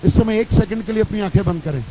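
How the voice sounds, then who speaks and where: A man's voice: sits high, quick pace, mellow, a little hiss or hum, rough recording. A man preaching a sermon as pastor at a church service, leading the congregation in repeated declarations. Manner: repetitive call-and-response declarations.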